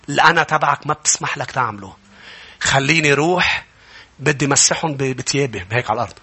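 A man with a Lebanese Arabic accent preaching a sermon as pastor, moving from calm teaching to a fervent call to the congregation. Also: a little high, slightly rough. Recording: music playing behind the voice.

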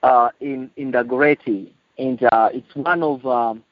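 A man in his late thirties with a Kenyan accent, giving a personal testimony in a halting, earnest way. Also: medium pitch, fairly even intonation. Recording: muffled, echoey lo-fi phone call.

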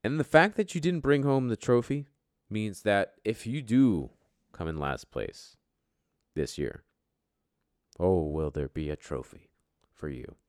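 A man's voice: on the low side, expressive, unhurried, long pauses, no room sound, studio quality. A man hosting an informal fantasy sports top ten countdown show, with profane, bro-style trash talk. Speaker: fantasy football league show host.

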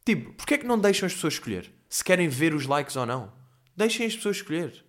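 A man's voice: fairly high pitch, very animated, quick pace. A young man with a European Portuguese accent hosts a casual Q&A, ranting animatedly and swearing a lot. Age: young adult. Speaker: host. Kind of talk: casual chat, Q&A rant.

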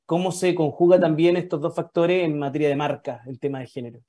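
A man interviews a guest, asking long questions that build on each other. His voice sits on the higher side for a man. It has a mellow, soft tone. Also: fairly even intonation, fairly quick.

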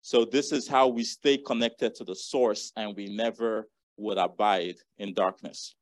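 A man's voice: on the low side, steady tone, unhurried, no echo. A man preaching a sermon, earnestly reading and repeating scripture verses to the congregation.

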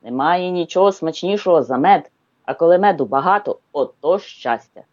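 A woman's voice: on the low side, expressive, normal speed, a little mellow, dull audio. A woman voicing a big, tired male bear in a children's story, puffing and hearty.

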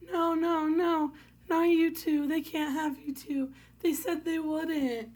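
A woman voicing a frightened young wife who pleads in a high, urgent, loud voice. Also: flat delivery, takes it slowly. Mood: frightened pleading.

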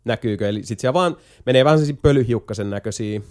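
A man at an ordinary middle pitch talks casually as a podcast host. He rambles through a game explanation and keeps stopping on hesitation fillers. He slips in jokey asides along the way. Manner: jokey, lively storytelling. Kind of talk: casual chat.

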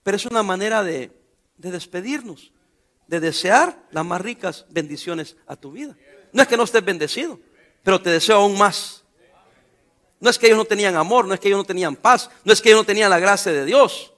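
A middle-aged pastor preaching a sermon in a joking, sarcastic, colloquial manner. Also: male voice, high voice, expressive, fairly quick, a bit bright.

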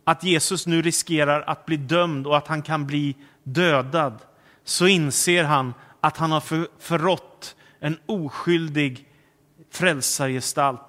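Male preacher with a bright, fairly high voice; storytelling sermon, hushed on solemn moments, long hall reverb. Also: steady tone. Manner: storytelling, slows and softens on solemn words. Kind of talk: sermon retelling the Passion.

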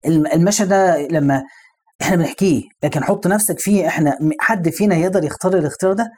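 Speaking very fast, this Egyptian-accented Islamic preacher has a fairly high yet dark-toned, slightly rough voice. He preaches through conversational storytelling, throwing rhetorical questions at his audience.

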